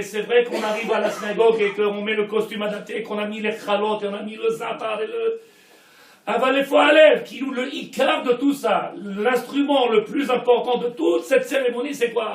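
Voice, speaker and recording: Animated rabbi, high voice, echoey room. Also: male voice, moderate pace. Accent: French Israeli. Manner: animated, swings from soft to shouting, peppered with Hebrew. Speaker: rabbi giving a Torah class. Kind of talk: sermon. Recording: echoey room, mic at a distance.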